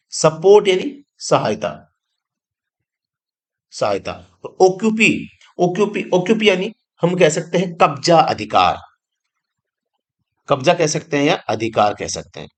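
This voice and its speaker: Lively-voiced male teacher. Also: on the high side. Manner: explains slowly, repeats each word and meaning, asks the class questions. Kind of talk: online exam-prep grammar lesson.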